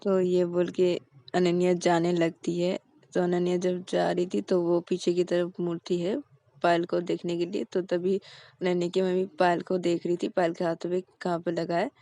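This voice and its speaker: A woman's voice: lowish voice, monotone, normal speed, dark tone, no room sound. Woman narrating in a plain, dry voice. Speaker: storyteller. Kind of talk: storytelling.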